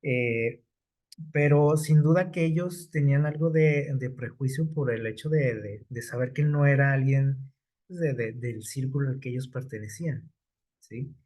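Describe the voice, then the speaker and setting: A man preaching a sermon, unhurried, often pausing on fillers and checking with his listeners. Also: medium pitch, a little mellow.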